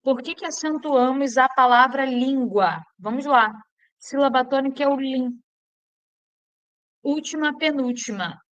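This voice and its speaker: A Brazilian woman teaching an exam-prep grammar lesson in a somewhat high voice. She keeps asking the class questions and answering them herself. When she lays out a rule she slows right down and stresses each item. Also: fairly bright tone, dull audio. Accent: Brazilian Portuguese. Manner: drills with questions, slowing to spell out rules.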